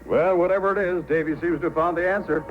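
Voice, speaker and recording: An actor playing a steady, authoritative but friendly male Mountie sergeant in an old-time radio drama. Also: sits high, fast, natural voice. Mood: steady, concerned. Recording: dull old radio recording with music.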